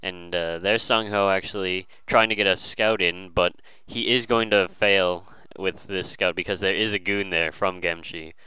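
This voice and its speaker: A man's voice: deep voice, fairly even intonation, moderate pace, hardly any pauses, bright, forceful tone, clear, resonant tone, dry recording, rough recording. A man casually commentating a strategy game, hesitant and full of fillers and restarts.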